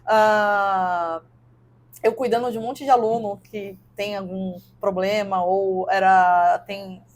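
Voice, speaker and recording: Guesting on a podcast, a gym coach in her thirties shares a personal story with earnest emotion, using repetition for emphasis. She has a Brazilian Portuguese accent and a medium-pitched, fairly even voice, speaks slowly, and there's slight background noise.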